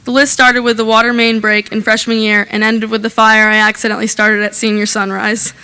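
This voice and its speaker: A woman's voice: on the high side, flat delivery, brisk, pushed and bright, clear, resonant tone. A young woman, senior class president, giving an upbeat and proud speech into a podium microphone at an outdoor graduation. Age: young adult. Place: outdoor graduation on a school field.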